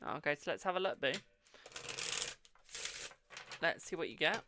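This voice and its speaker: Very fast and expressive at a medium pitch, a posh-accented English tarot reader runs a live stream of card readings and casual chat. She swears freely and calls viewers "my darling", all against a noisy background.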